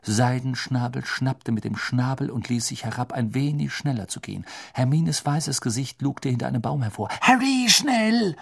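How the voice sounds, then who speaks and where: A man reading a fantasy audiobook aloud, expressive storytelling that voices all the characters. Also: mid-range voice, moderate pace, creaky, few pauses, husky. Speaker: narrator.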